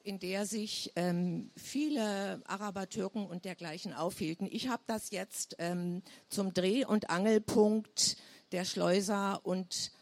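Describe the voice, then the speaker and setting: Slow, gravelly woman reading her novel. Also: mid-range voice, a little mellow, no echo. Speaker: author.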